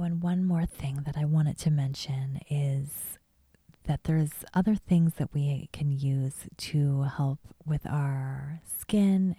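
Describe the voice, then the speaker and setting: A woman whispering casual beauty and hair tips in a gentle, chatty ASMR vlog, often trailing off mid-thought. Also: low-pitched, slightly rough, dry recording, studio quality. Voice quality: soft whisper. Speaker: beauty vlogger.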